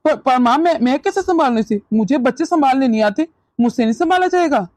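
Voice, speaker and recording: A woman's voice: high-pitched, lively intonation, fairly quick, darkish tone, dry recording. Woman voicing a stern cartoon husband. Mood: worried. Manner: scolding, questioning. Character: stern young husband and son.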